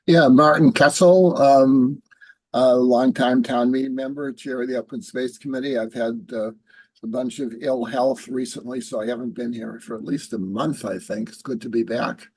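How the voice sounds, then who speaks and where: A man's voice: medium pitch, steady tone, moderate pace, a little mellow, breathy edge, no echo, low-quality recording. A man who is a town meeting member and committee chair, introducing himself in a frank, reflective way. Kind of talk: self-introduction in a group discussion.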